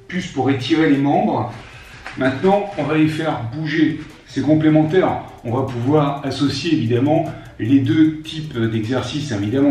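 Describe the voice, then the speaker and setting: In a home room with an exercise mat, a life coach in his fifties leads a strength workout for an exercise video, his mellow, medium-pitched voice gentle and reassuring. He hesitates often and keeps reminding viewers not to strain. The room is very echoey, and he sounds far from the microphone.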